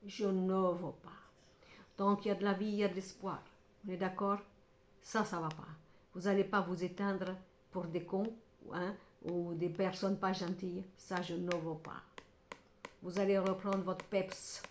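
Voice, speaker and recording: A woman's voice: on the low side, level tone, normal speed, reverberant. A middle-aged woman doing a tarot reading to camera, emphatic and repetitive, scolding and then consoling her viewers. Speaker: tarot card reader.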